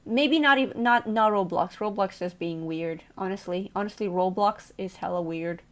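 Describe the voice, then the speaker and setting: A woman's voice: mid-range voice, moderate pace. A woman streamer chatting casually with her viewers, playful and teasing, laughing often.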